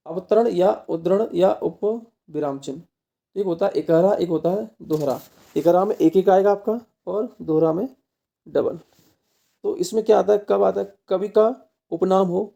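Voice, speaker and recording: A man from India leads an exam-prep Hindi grammar lesson in a gravelly, slightly raised voice. His tone is hard and sharp rather than mellow. He keeps quizzing his students and then supplies the answer himself. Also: high-pitched. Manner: asks the class questions and answers them himself. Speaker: teacher.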